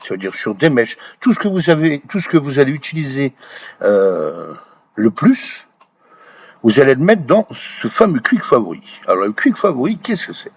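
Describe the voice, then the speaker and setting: A man walking viewers through software settings in a screen-recorded tutorial, hesitant, full of fillers and restarts, often checking in with the viewer. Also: medium pitch, sing-song, moderate pace, slightly rough. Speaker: Blender tutorial creator.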